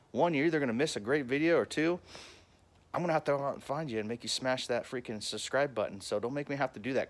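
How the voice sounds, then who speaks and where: A man hosting a homestead vlog, chatting to the camera outdoors in a folksy, joking way. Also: medium pitch. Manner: folksy, joking, talks straight to viewers. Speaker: homestead vlogger. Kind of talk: casual vlog talk to camera.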